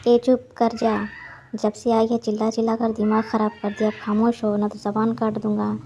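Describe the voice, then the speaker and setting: Woman doing burly thug, storybook, coarse, threatening, flat, dark tone. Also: fairly high pitch, moderate pace, a little hiss or hum, close to an everyday voice. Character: menacing burly male thug.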